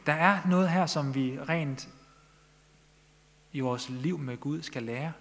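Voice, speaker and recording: A man with a somewhat bright, rather high voice delivers an earnest sermon in the Danish church manner. He presses listeners with questions, stressing them as his voice climbs, while a big hall lends a long echo.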